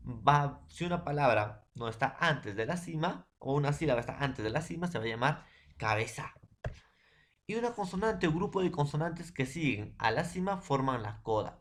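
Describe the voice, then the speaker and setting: A man from Peru teaching a secondary school language class, explaining patiently and repeating his points, with frequent tag questions and fillers. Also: mid-range voice. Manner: repetitive, fills every phrase with tag questions and addresses. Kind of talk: recorded online class lecture.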